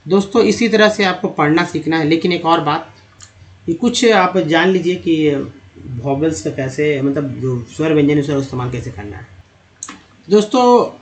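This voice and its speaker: Male teacher, slightly high voice, explains step by step, asks and answers his own questions. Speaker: English teacher. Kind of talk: classroom-style explanation.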